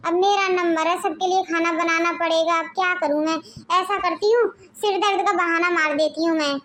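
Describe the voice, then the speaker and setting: A woman voicing a lazy, scheming young wife who whines and groans melodramatically in a cartoon family drama. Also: very high-pitched. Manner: whiny, melodramatic groaning when faking pain.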